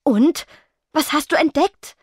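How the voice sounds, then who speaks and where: A woman voicing an impatient, excitable steam-powered robot teenage girl. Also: on the high side, a little slow, dry recording, clean studio sound, pitched above the performer's own voice.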